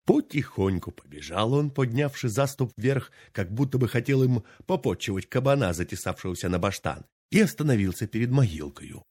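A man narrating a folk tale aloud with lively, dramatic storytelling. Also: medium pitch, a little fast, hardly any pauses, husky, no room sound, clean studio sound.

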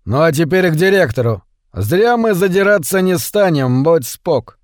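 A man doing a bossy, gruff shadow. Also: fairly high pitch, very animated, moderate pace, no echo, studio quality, pitched above the performer's own voice. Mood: scheming. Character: bossy streetwise male shadow spirit.

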